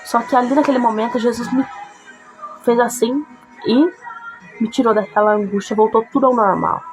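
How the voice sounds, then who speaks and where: A woman's voice: fairly high pitch, normal speed, soft background music, low-quality recording. A woman telling a personal faith testimony in a conversational way, often checking in with her listeners. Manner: conversational, frequent tag questions. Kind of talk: emotional testimony.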